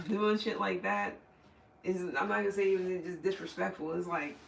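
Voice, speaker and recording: A man's voice: high voice, vocal fry, sharp tone, roomy sound, far from the mic, slight background noise, rough recording. A man giving a casual, rambling tarot reading, swearing freely and laughing often. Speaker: tarot reader.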